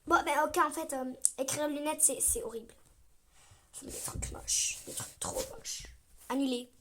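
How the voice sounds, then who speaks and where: A young woman with a high, sharp voice gives casual gameplay commentary, theatrical in her complaints and sinking into quiet mutters between outbursts. A faint hiss sits under her desk-mic recording. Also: measured pace. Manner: chatty, dramatic complaining, often drops to a mutter. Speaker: gaming vlogger.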